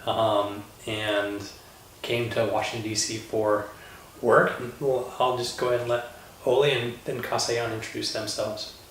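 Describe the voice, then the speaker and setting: A man from Colorado, a lawyer, hosting a relaxed panel chat, talking with many fillers and pauses. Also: on the low side, a little hiss or hum. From Colorado, USA. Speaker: host, lawyer. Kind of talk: casual panel conversation. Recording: roomy echo, distant mic.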